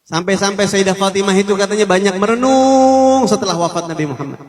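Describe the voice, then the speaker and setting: A man's voice: high-pitched, a little fast. A man preaching a sermon, telling a story in colloquial speech and acting out the quoted dialogue. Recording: long hall reverb.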